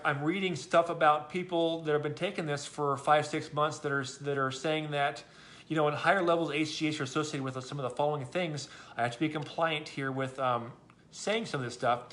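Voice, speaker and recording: A man's voice: a little high, fairly bright tone. A middle-aged man telling product stories in a loose, rambling way, full of ums and restarts. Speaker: product testimonial speaker. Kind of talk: casual testimonial talk.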